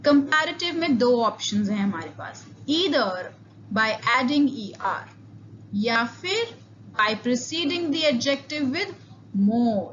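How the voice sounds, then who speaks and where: A woman's voice: sits high, a bit bright, highs cut off, a little hiss or hum. A woman with an Indian accent teaching an online English grammar lecture, explaining step by step and switching between Hindi and English. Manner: slow, deliberate explaining, mixing Hindi and English.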